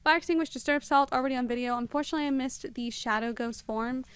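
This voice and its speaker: A woman game streamer talks at breakneck speed through live commentary. Her voice sits high and sounds smooth and clear. She greets viewers by name between moves. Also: a bit bright. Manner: talks extremely fast.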